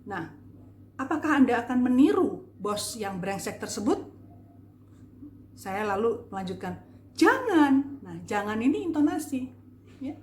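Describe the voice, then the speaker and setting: A woman's voice: a little high, a little hiss or hum. A woman giving a casual video lesson on public speaking, chatty and demonstrative, with many fillers. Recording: echoey room with faint ambience.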